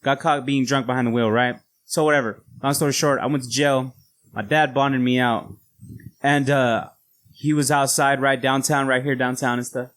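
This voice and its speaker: A man's voice: medium pitch, steady tone, moderate pace, a bit bright. A man hosting a podcast in casual, slangy, informal conversation. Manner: slangy, informal, often saying "bro". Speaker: podcast host.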